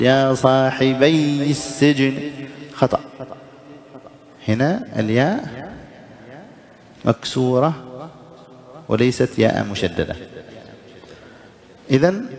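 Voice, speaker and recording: A man teaching a recitation lesson as a sheikh, explaining each error, chanting the examples slowly and putting short questions to the listeners. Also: mid-range voice, vocal fry, a little mellow. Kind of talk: religious lesson.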